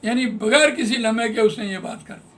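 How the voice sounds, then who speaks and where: A man teaching Quran translation in a classroom lesson, patiently explaining grammar and repeating words slowly. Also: very high-pitched, fairly bright tone.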